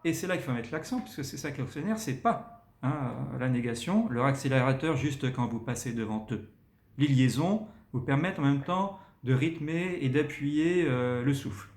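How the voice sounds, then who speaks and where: Man, mid pitch, recorded in a room with a lot of echo, showing how to read a text out loud, lots of euh and d'accord. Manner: demonstrates readings with big rises and falls in pitch; many fillers and checks with listeners. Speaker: teacher. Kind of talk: explaining text intonation to learners.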